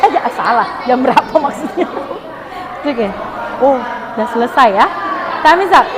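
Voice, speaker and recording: A young woman from Indonesia tutoring children at a library read-aloud, switching between Indonesian and English and reading the story slowly and clearly. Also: high-pitched, lively intonation. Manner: mixes English and Indonesian, slow deliberate reading. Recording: chatter of children around the speaker. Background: noisy group of children.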